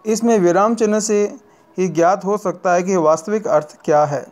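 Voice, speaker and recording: A man teaching a grammar lesson to students, speaking deliberately and often repeating or correcting his phrases as he goes. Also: high-pitched, darkish tone. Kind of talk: slow Hindi grammar lesson.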